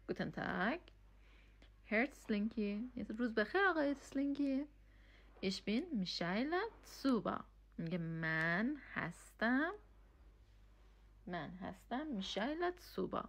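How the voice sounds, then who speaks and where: A Persian-speaking woman gives a casual German lesson, walking through each phrase step by step and checking in with "okay?" Her voice is medium-pitched and very animated.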